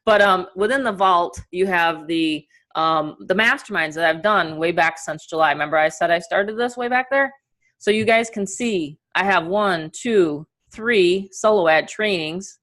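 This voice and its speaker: Middle-aged new york lady coaching on a webinar, chatty and upbeat, kinda low voice. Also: unhurried. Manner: energetic, chatty, motivational. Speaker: online marketing coach. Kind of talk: casual webinar presentation.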